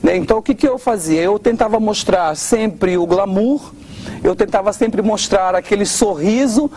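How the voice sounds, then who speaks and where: A man with a high voice and a Brazilian Portuguese accent gives an earnest, emotional testimony in an interview, speaking at normal speed over slight background noise. He is expressive and acts out the people he quotes, shifting his tone for each.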